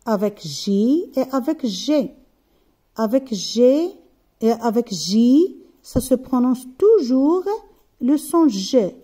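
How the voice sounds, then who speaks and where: Slow, mellow-voiced woman teaching phonics. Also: a little high, breathy edge. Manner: spells out sounds and syllables, repeats with checks. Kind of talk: slow, careful phonics lesson.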